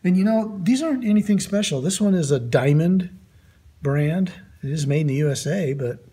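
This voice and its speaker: A man hosting a workshop video, casually showing his tools in a slow, halting way with lots of ums and uhs. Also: on the high side, lively intonation, slight background noise. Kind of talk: casual show-and-tell of tools. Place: indoor workshop at a metal bench. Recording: loud clatter of metal tools.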